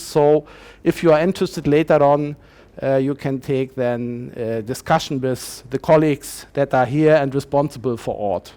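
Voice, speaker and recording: A man around sixty lectures in English with a slightly raised pitch. He speaks haltingly, pausing on fillers and restarting his phrases as he explains. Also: a little mellow, smooth. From Germany. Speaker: university lecturer. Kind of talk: conference lecture.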